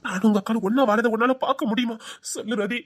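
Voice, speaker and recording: A lovesick young man, played by a woman, begging his beloved in a rushed, urgent patter. The voice sits fairly high and is recorded dry and close. This is emotional audio-drama acting. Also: steady tone, no room sound, close to an everyday voice. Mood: pleading. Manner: pleading, repeats her name, emotional threats. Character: young man desperately in love, pleading.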